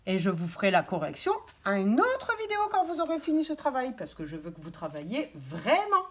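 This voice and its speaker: A woman teaching a recorded lesson to young children, stressing words slowly and clearly. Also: medium pitch, huge pitch swings, background noise. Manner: slow, sing-song word stress for children; clear instructive tone, addressing children and parents. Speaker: kindergarten teacher.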